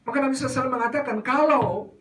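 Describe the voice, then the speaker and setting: A man preaching in a lively, teasing way, often turning to address the mothers in the audience. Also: very high-pitched, racing. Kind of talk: religious lecture. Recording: distant mic.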